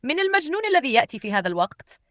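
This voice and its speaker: A woman voicing a cruel rich husband who snaps commands and shouts at his wife. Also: on the high side, lively intonation, fast, dry recording, studio quality. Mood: harsh, angry.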